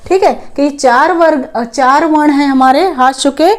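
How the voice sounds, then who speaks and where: A young woman teaching Hindi grammar in an online lesson. She asks questions and answers them herself, repeats each point, and draws out the vowels slowly when she demonstrates them. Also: sits high.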